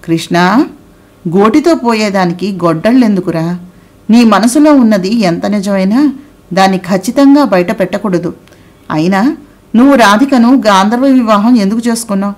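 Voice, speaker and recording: A woman voicing a worried older father who gives calm, lecturing advice to his son, in an audio novel. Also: medium pitch, normal speed, natural voice. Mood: advising.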